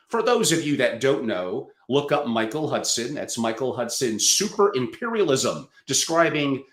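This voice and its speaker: A male host leads the interview with wry, opinionated commentary. His voice sits in a middle register and carries a clear echo from the room around him. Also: medium pitch, fairly bright tone. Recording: echoey room.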